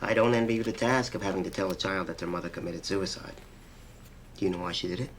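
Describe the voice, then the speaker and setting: An actor playing a guarded, rule-bound hospital official who speaks in a measured way. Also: male voice, deep voice, fairly even intonation, a little hiss or hum, natural voice. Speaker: hospital records clerk.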